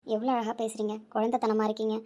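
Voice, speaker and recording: A woman voicing a quiet, guilt-ridden young wife who speaks in a low, sorrowful way. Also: monotone, quick pace, lightly acted.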